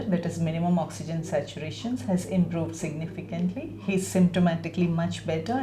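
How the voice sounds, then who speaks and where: A woman doctor explaining a patient's treatment to camera in a clinical, explanatory way. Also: lowish voice. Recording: echoey room.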